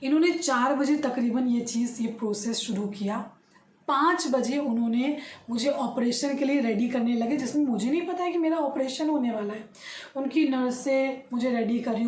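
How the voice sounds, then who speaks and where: A young woman with a fairly high voice recounts a personal story in a vlog, earnest and aggrieved. The sound is echoey with a faint hum of ambient noise behind her. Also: darkish tone. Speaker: vlogger.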